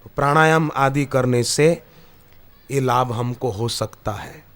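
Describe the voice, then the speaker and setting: Speaking slowly at a medium pitch with a fairly bright tone, a man preaches a Hindi satsang to listeners gathered in a discourse hall. His spiritual talk weaves scripture stories with quoted verses, building in emphatic rises.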